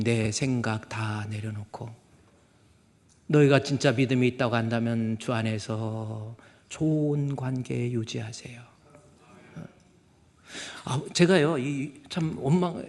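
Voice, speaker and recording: An older man preaching a sermon as a pastor, telling stories and acting out shouted quotes. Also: mid-range voice. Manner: storytelling, acts out shouted quotes. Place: church sanctuary. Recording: church hall reverb.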